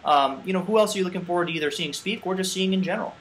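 High, fast-talking young male host. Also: a bit bright, rough recording. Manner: brisk, casual with fillers. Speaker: interview host. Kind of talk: video call interview. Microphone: webcam on video call.

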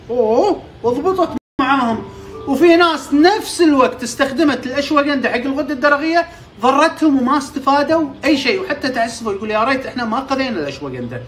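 Kuwaiti male host, rapid and animated delivery, drills key terms by repeating them. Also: very high-pitched. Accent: Kuwaiti Arabic. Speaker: health tips host. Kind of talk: informal explainer.

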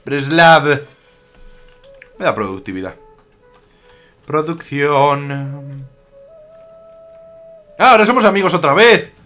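Over faint music, a man speaks slowly with long pauses in a bright, forceful, expressive voice on the high side. He is a gaming YouTuber from Spain, slightly Aragonese in accent, joking through a strategy game and sniping at rivals.

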